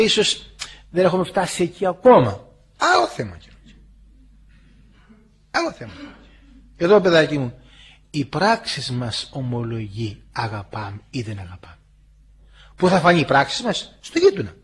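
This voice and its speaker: A husky-voiced man from Greece delivers a sermon in a homely, storytelling way. His pitch rises and falls widely, and he sits a little higher than most men. He acts out the voices he quotes. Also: expressive. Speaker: preacher. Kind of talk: spoken sermon to listeners.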